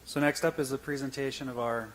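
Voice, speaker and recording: A man's voice: mid-range voice, fairly even intonation, quick pace, low-quality recording. A man, a city official, presenting agenda items at a council meeting in a businesslike, explanatory way. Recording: faint background noise.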